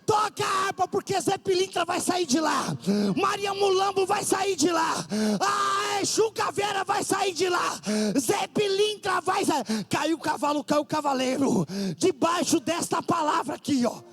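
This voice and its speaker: A man with a Brazilian Portuguese accent preaches at a church service with a very high voice. He shouts and chants the same phrases over and over, and faint music plays behind him. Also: measured pace, few pauses. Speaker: pastor. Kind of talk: fervent Pentecostal preaching.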